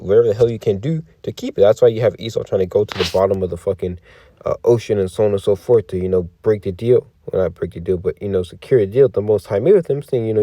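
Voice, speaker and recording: Tired, low-voiced man preaching casually. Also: dark tone, dry recording, studio quality. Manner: profane, peppered with "okay" and "man"; rhetorical questions. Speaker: religious commentator. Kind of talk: casual scripture and news commentary.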